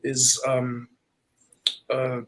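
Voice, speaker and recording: A man's voice: medium pitch, monotone, very slow, a little hiss or hum, rough recording. A man who is a voice actor, talking hesitantly in casual chat, full of "uh"s, "um"s and repeated words. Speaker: voice actor and musician.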